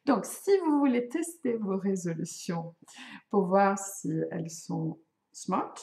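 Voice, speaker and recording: A middle-aged knitting and crochet vlogger, not a native French speaker, chats to camera in a relaxed, self-deprecating way with frequent hesitant pauses. Her mellow, gravelly voice sits mid-range, and the room's echo is audible around her.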